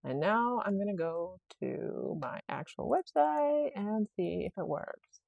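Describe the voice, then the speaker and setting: A woman's voice: medium pitch, big pitch swings, slow pace, gravelly, darkish tone, no echo, lo-fi sound. A woman hosting her own podcast in a casual, rambling solo chat, thinking aloud as she works through a problem. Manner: rambling, self-talk while fixing things, quotes herself; frequent fillers and restarts, laughs easily. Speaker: podcast host.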